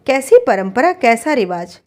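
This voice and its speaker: A patient husband in a spoken story talks with quiet conviction, questioning old customs, read aloud by a woman. His delivery is slow and measured. The tone stays earnest and gentle. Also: very high-pitched, big pitch swings, heavily acted. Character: calm, reasoning husband challenging harsh customs.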